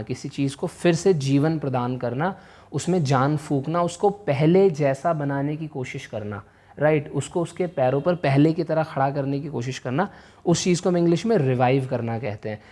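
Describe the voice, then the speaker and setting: A man's voice: medium pitch, a little mellow. A man teaching a vocabulary lesson to viewers. He mixes Hindi and English, restates each meaning several times and often checks in with "right?". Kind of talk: explanatory video lesson.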